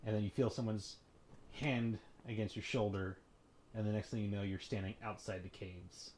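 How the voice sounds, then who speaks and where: A man with a fairly low voice runs a tabletop game as its game master. He narrates scenes with vivid description and drops into loose, casual asides about the rules. There is a faint hiss under his voice. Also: steady tone, normal speed, darkish tone.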